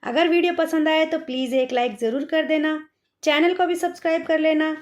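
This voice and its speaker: A woman teaching an online class to children, patient and direct, drawing out each word slowly as she reads it. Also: high-pitched, steady tone. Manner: slow, drawn-out word dictation.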